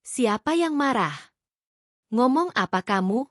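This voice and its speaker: Brief: menacing husband in a storybook read-aloud, acted by a woman, shouting, animated delivery. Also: a little high, measured pace, no room sound, studio quality, voice pushed up. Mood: tense. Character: husband caught out, angry scheming man.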